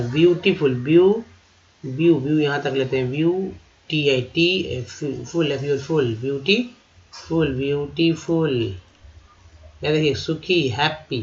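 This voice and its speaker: Slow, patient male English tutor. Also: mid-range voice, lo-fi sound. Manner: repeats words syllable by syllable, addresses viewers as friends. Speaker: English vocabulary teacher. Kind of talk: slow spelling-out lesson.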